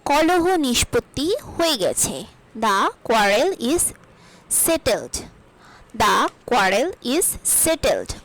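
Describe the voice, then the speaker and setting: Lively, very slow-speaking woman teacher. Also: on the high side, dry recording, poor audio. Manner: reads each English sentence slowly and carefully, twice over. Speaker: English teacher. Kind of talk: spoken English lesson, reading sentences aloud.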